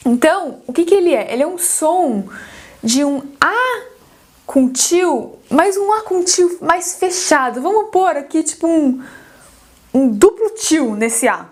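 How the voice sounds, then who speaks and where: A woman with a Brazilian Portuguese accent teaching English pronunciation, patiently repeating each model word and dropping her pitch on the drill words. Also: lively intonation, a little slow, a little mellow. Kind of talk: slow, patient pronunciation lesson.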